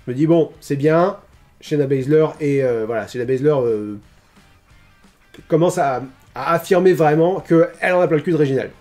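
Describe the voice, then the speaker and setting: A man gives a casual, chatty wrestling recap on a stream. He is halting, and he often restarts his sentences. His voice sits fairly high with a mellow, dark tone, and faint music plays behind him. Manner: hesitant, many restarts, chatty. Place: home streaming setup. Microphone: streaming microphone.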